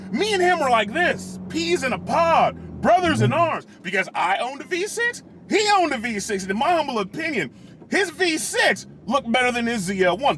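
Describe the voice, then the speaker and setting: A man with a high, very lively voice tells a comedic roast story with animated sarcasm and over-the-top comparisons. A clear steady noise runs behind him, with car sounds. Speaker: vlogger telling a roast story.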